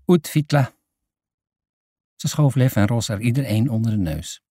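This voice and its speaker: A man reading a children's novel aloud as narrator, in a steady storytelling manner. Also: on the low side, brisk, husky, no room sound, studio quality. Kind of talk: scripted audiobook narration.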